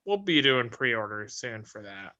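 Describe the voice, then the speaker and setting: A man filmmaker answering interview questions over a video call in a relaxed, easygoing way. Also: mid-range voice, measured pace, muffled recording. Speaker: filmmaker guest.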